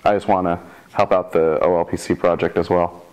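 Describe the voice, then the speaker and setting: A man's voice: sits low, level tone, brisk, a little mellow, rough recording. A man in his twenties speaking informally as a student developer in an interview, often rephrasing himself mid-sentence. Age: 20s. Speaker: computer science student developer. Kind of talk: informal interview about a project.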